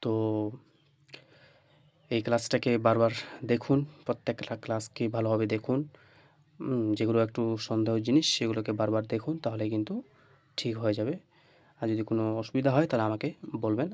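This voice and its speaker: A man teaching Quran reading in an online lesson, slowly drilling letter sounds one by one and often checking with the listener. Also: on the low side, a little mellow, no echo, muffled recording. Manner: slow, repetitive drilling with frequent checks "right?".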